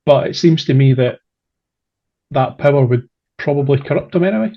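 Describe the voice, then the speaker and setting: A man's voice: medium pitch, animated, normal speed. Musing Scottish man, dull lo-fi sound. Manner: musing, speculative, drily playful. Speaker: podcast co-host. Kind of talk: casual comedy podcast chat.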